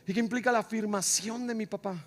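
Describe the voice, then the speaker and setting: A man preaching a sermon in church, repeating his phrases with passion and swinging from shouts down to near-whispers. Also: sits high, steady tone, fast. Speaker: pastor. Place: church sanctuary.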